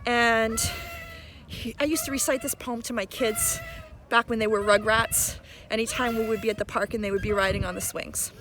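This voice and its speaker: This is a middle-aged woman filming a relaxed message for her students in a park, encouraging them like a supportive teacher. Her pitch is fairly high, her intonation fairly even, and her pace moderate. Ambient park sounds can be heard.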